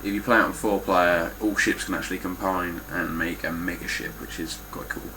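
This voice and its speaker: This review of a game collection comes from a man speaking fairly quickly in a steady, low-pitched, stuffy and nasal voice. He's casual and blunt, with lots of ums and some swearing, plus background noise.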